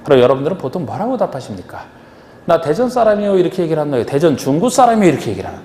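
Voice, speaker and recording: A man lectures a class with a lively, rising-and-falling voice, firing rhetorical questions at his students. His tone is mellow and slightly high. The sound carries the long echo of a big lecture hall, with faint noise underneath. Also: racing. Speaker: real estate agent exam instructor.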